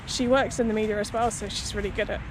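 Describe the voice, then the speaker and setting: A young woman, a running vlogger, chats casually with her audience in a hedging, conversational way while outdoors beside a busy city road. Her voice is medium in pitch, steady, and fast. Street noise and passing traffic can be heard.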